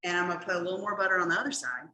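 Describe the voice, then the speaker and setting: Middle-aged woman running a cooking demo, lowish voice but bright and punchy, keeps asking okay?. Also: racing, rough recording. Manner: chatty, explains step by step, often checks in with "okay?". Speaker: cooking class instructor. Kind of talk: cooking demonstration.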